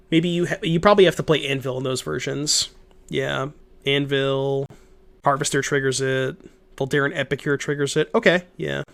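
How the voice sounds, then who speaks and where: A young man with a higher-pitched voice and vocal fry sounds congested and a bit hoarse. He casually narrates a card game for his stream, talking to chat, reasoning aloud, and restarting his sentences many times.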